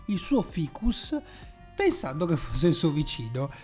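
Joking young Italian-speaking man, higher voice. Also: huge pitch swings, measured pace, music in the background. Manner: storytelling, jokey, acts out shouted quotes. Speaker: podcast co-host. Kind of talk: casual chat.

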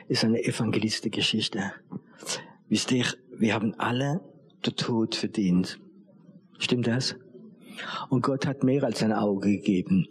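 Husky-voiced man preaching a parable. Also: mid-range voice. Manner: storytelling, sometimes searching for German words. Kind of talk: sermon with a told parable.

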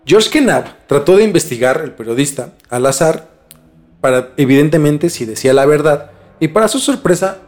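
Speaking at a moderate pace with lively intonation, this podcast host is a man with a Mexican accent and a slightly high, darkish voice. Music backs his mix of conversational storytelling, scripted narration, and slangy talk.

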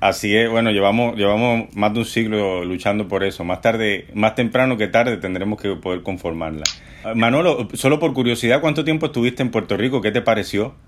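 A man interviewing a guest, halting and often repeating words as he speaks. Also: fairly low pitch. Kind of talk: interview conversation.

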